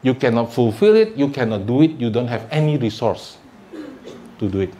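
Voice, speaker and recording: A male pastor delivering a sermon, often calling out to his listeners and asking for amens, and mixing English phrases into his talk. He rises loud for emphasis, then drops low and soft. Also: very animated, normal speed, a little hiss or hum. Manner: preaching with frequent calls of "saudara" and "amin", mixing in English phrases.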